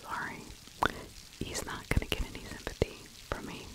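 A middle-aged true crime ASMR narrator keeps to a soft, unvoiced whisper at normal speed, positioned very close to a microphone with a furry windscreen inside a small room. Her tone is casual and opinionated, like she's telling you what she really thinks of the story.

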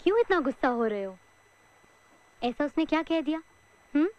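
A woman's voice: sits high, a little fast, dull audio. An actress playing an emotional young woman student who cares for her friend, in film dialogue. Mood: caring. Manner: animated, emotional.

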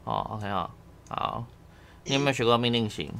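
Bright-voiced man tutoring grammar. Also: mid-range voice, brisk, clean tone. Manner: repeatedly checks understanding with tag questions. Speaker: Japanese grammar teacher. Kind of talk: casual one-on-one tutoring.

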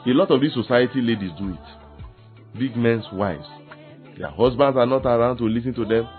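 A man, preaching a lively sermon on marriage and slipping into acted quotes of husbands and wives. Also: medium pitch, normal speed. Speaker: pastor. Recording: tinny phone-like sound with faint music.

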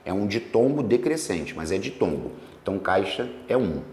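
A man with a lowish voice that swings widely in pitch walks through exam questions like a teacher at the board. He draws out words slowly to break them into syllables. The sound is roomy, with a long reverb tail. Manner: lively, stretches words slowly to spell out syllables. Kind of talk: solving exam questions on grammar.

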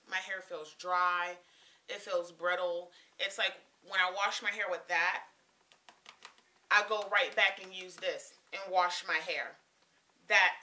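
A woman's voice: fairly high pitch, bright, forceful tone, recorded from a distance. A woman in her thirties from the southern United States, chatting emphatically in a casual hair-product review vlog, with frequent ums.

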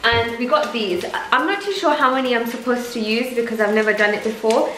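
A young woman talks viewers through a home cooking vlog with upbeat, rambling asides. Her voice sits a little high. The sound is roomy with kitchen echo and faint music underneath. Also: fairly quick, a bit bright. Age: young adult. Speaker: vlogger.

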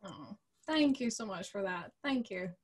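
A Scottish woman in her twenties casually hosts a conversational interview, speaking close to a boom-arm microphone in a small home studio. Her medium-pitched voice is animated, a little slow and slightly rough.

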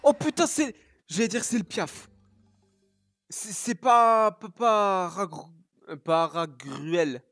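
A man recording a gaming reaction video, exclaiming loudly, swearing often and repeating his exclamations. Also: sits high, takes it slowly, no room sound. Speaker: gaming YouTuber. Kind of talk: excited reaction video commentary.

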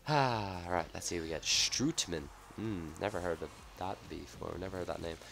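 Low-voiced, slightly husky man doing pack-opening commentary. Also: normal speed, a bit bright, slight background noise. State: slightly sick, husky off voice from a cough. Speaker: gaming video host.

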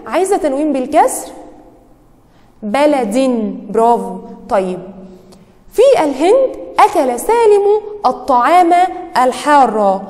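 A woman teacher with an Egyptian Arabic accent leads a children's lesson in a high, bouncing voice that leaps up and down in pitch. She quizzes the pupils and cheers each answer, and her voice trails off in a long reverb. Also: darkish tone. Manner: quizzing, praising each answer with quick "bravo". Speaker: primary school teacher.

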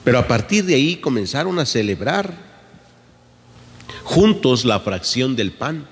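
Man priest in cathedral-like echo, slow. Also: mid-range voice, very animated, husky. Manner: solemn, measured delivery. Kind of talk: liturgical Gospel reading and homily. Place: church sanctuary, at the lectern. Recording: echoing church, long cathedral-like reverb.

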